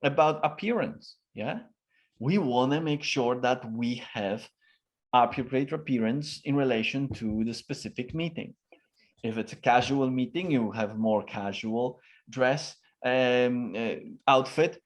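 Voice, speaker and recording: A man's voice: medium pitch, measured pace. A man answering interview questions as a communication expert, talking emphatically with lots of tonal variation and frequent fillers. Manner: emphatic, varies his tone a lot, frequent fillers.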